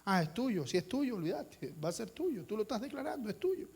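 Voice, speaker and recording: Male pastor preaching with fire, strikingly high-pitched, acts out voices and quizzes the congregation. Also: sing-song, fairly quick, a little mellow, slightly rough. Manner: impassioned, acts out voices, rhetorical questions. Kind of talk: sermon.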